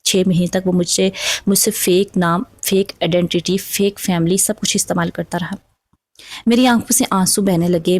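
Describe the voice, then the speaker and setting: A woman's voice: fairly low pitch, vocal fry, a little mellow, no room sound. A woman telling an emotional first-person story in a dramatic, sorrowful way. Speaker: narrator.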